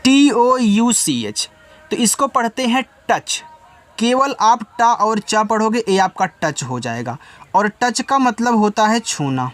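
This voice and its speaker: High-voiced man teaching English reading. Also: lively intonation, measured pace, a bit bright, soft background music. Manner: spells words letter by letter, then repeats meanings. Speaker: English tutor. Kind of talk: spelling and reading lesson.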